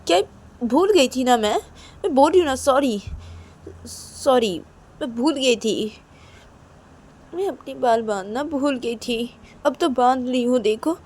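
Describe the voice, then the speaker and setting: A woman's voice: high-pitched, expressive, fast talker, hardly any pauses, warm tone, voice pushed up. A woman voicing Reshma, a meek young woman who keeps apologising and pleading. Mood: pleading apologetic.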